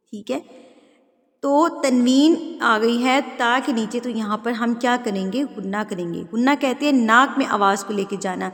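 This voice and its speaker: A woman teaching Quran recitation rules step by step, explaining patiently, checking that students follow and drawing out example words slowly. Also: fairly high pitch, long reverb tail. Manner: switches into slow, drawn-out, louder recitation for examples. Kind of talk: step-by-step tajweed lesson.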